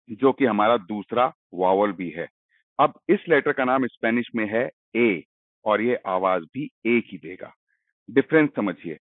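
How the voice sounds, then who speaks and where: A man's voice: lowish voice, no room sound. A man teaching letter sounds in a patient, explanatory way, stretching out key sounds. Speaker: language teacher. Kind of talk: explaining Spanish letters in Hindi. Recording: dry, phone-like narrow sound.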